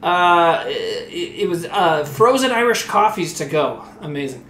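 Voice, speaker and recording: A comedian in his forties streams while cooking, rambling through a casual story with laughter and swearing, sounding slightly tipsy on rum. His fairly high voice swings widely in pitch, moves a little slowly, and has a somewhat bright tone. The room echoes, with faint noise in the background.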